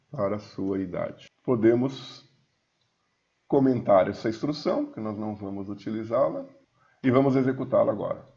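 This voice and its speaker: A man, teaching a screencast coding lesson and reading code aloud slowly as he types. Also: fairly low pitch, warm tone, muffled recording. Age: 50s. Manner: talks while typing, reads code aloud slowly. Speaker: programming instructor.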